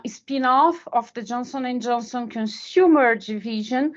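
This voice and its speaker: A woman from Brazil, an executive, introducing herself in a friendly, clear way on a video call. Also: a little high, a bit bright. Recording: dull video call audio.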